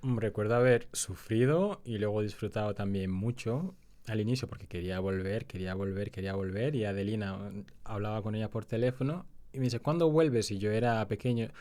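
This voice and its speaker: A young man, a guest telling his story in a casual interview, animated when he retells scenes and slower when he reflects. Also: fairly low pitch. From Spain.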